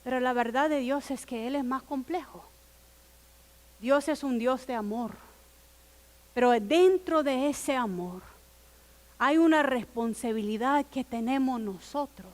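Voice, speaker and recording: A woman pastor preaching a sermon in an earnest, personal storytelling manner. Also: a little high. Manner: earnest, personal storytelling with quiet quoted asides.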